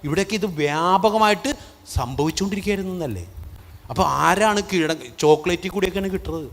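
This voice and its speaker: Fervent priest preaching in a reverberant church. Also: male voice, high-pitched, fast, a bit bright. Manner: fervent preaching with frequent questions to the congregation. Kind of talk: sermon.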